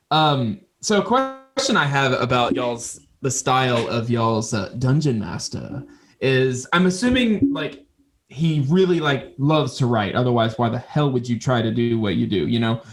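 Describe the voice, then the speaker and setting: A man, hosting a casual podcast chat with quick, laughing asides. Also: medium pitch, lively intonation. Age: 30s. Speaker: podcast host.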